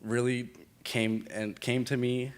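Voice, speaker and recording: A man's voice: medium pitch, little pitch movement, takes it slowly, clean tone. A young man graduating, giving a short, plain and sincere thank-you speech.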